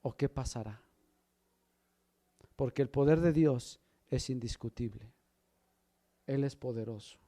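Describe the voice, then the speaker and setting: A man preaching a sermon, swinging from loud emphasis to hushed low lines and asking the congregation questions as brothers. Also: measured pace, long pauses. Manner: asks the congregation questions, addresses them as brother. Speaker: pastor.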